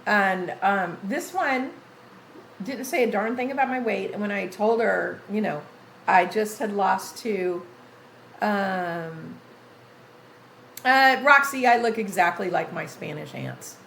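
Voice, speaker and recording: Gravelly-voiced woman in her sixties chatting. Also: mid-range voice, slow pace, a bit bright, echoey room, slight background noise, rough recording. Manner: rambling, reads chat names aloud, many restarts. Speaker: gaming livestream host. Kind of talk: casual chat with live chat readers.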